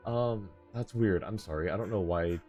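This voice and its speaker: Warm in tone and somewhat low, this man's voice moves at a normal speed as he casually chats through a gaming livestream, rambling and thinking aloud. The game's music and characters are audible behind him.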